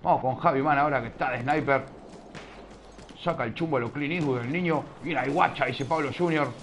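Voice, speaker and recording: A man's voice: medium pitch, a little fast, a bit bright, faint music behind. Argentine man casting a live game. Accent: Rioplatense Spanish. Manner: chatty, teasing, scolds chat playfully. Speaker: streamer casting a tournament.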